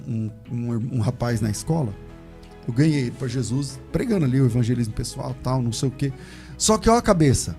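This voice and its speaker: Fast-talking gravelly Brazilian pastor. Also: male voice, mid-range voice. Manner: animated, laughing, acts out quoted voices. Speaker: pastor telling his testimony. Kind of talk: casual storytelling chat.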